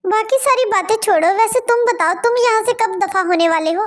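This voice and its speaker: A high-voiced performer dubbing an irritated young male college student who snaps and scolds. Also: a little fast, fairly bright tone. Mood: annoyed. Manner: snappy, scolding. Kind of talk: Hindi fan dub.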